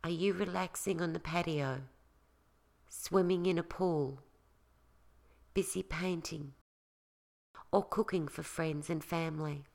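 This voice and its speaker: A woman narrating a scripted guided self-help meditation in a calming, instructional way, leaving pauses between phrases. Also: deep voice, gravelly.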